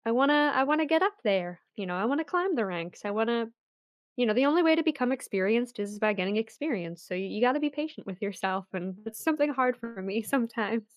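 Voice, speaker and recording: A woman's voice: on the high side, lively intonation, fast talker, dry recording, clean studio sound. Chatty young-sounding woman co-host. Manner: chatty, lots of likes. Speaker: podcast co-host. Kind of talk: casual podcast chat.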